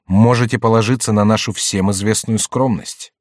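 Man reading as a sheepish young noble, low voice, dry. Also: steady tone, normal speed, no room sound, lightly acted. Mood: apologetic. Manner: apologetic. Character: young courtier, smooth and apologetic.

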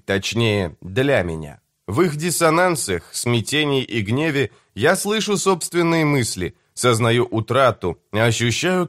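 A man giving a measured, deliberate first-person reading of a novel as an audiobook narrator. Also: mid-range voice, fairly bright tone, no echo, clean studio sound.

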